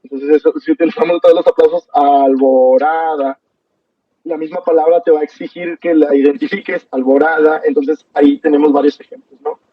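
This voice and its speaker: A young man teaching an online poetry class, relaxed and hesitant, with many fillers and restarts. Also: fairly high pitch, fast talker, few pauses, no echo, far from the mic. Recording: dull, dry sound from off mic.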